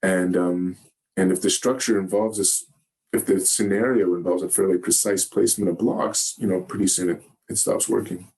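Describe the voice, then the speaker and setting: Halting, gentle male Zen teacher. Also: deep voice, fairly even intonation. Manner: gentle, halting, searching for words. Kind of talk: dharma talk. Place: meditation hall.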